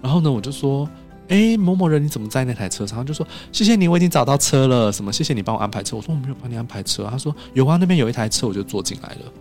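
A man telling stories in a casual podcast chat in a recording studio, animated and acting out the other people's lines. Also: medium pitch, rapid-fire, hardly any pauses, faint music behind. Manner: animated, acts out quoted dialogue.

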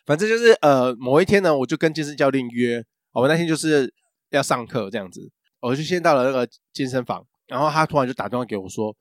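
A man's voice: medium pitch, expressive, fast, dry recording, clean studio sound. A man, co-hosting a casual podcast chat and telling a rambling story full of fillers and restarts. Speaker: podcast co-host.

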